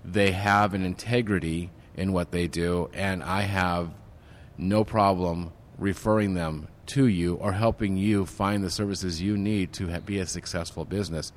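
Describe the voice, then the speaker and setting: Low-voiced guy explaining his networking group, steady, lots of reverb from a big banquet hall. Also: measured pace. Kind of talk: interview guest explaining at length. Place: golf course banquet room with reverb.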